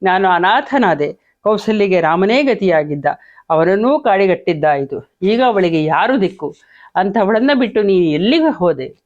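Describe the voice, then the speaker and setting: A man's voice: high voice, animated, normal speed. A man voicing a grieving young prince who laments his dead father in a plaintive reading, on a dull lo-fi recording.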